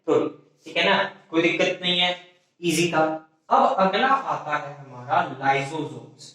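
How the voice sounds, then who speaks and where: Teacher, male, fairly high voice, drills pupils with repeated questions, recorded from a distance in a very echoey room. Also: steady tone, unhurried, sharp tone. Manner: repetitive call-and-response questioning, frequent self-corrections. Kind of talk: classroom biology lecture in Hindi-English mix.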